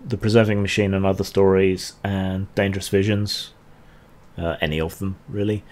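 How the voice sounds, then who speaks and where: A man hosting a casual livestream Q&A. His voice sits fairly low, and he meanders through answers with frequent ums and a dry, offhand humour. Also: level tone, normal speed, darkish tone. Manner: rambling, hesitant with many ums, dry asides. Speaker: channel host answering chat questions.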